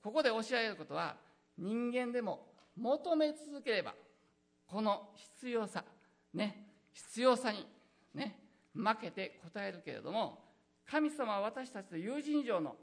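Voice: medium pitch, very animated, a little slow. A pastor preaching a sermon in an earnest, exhorting manner, with frequent hesitant fillers.

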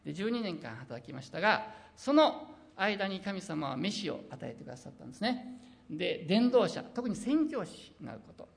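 A middle-aged preacher with an Osaka accent delivers an earnest sermon with personal testimony. The voice is gravelly and the pitch moves a great deal. Scripture passages come slowly. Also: sing-song. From Osaka, Japan. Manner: earnest, reads scripture slowly, slips into dialect. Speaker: preacher and missionary.

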